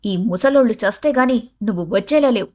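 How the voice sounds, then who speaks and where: A woman's voice: on the high side, lively intonation, brisk, a little mellow. A woman doing a sneering, scornful young wife. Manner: sneering, irritated.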